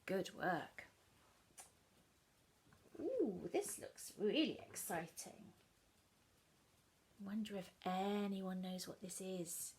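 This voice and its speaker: Slow, lively woman teaching phonics. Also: medium pitch, breathy edge. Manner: slow, sounding out letters, coaxing children to repeat. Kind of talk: children's phonics lesson.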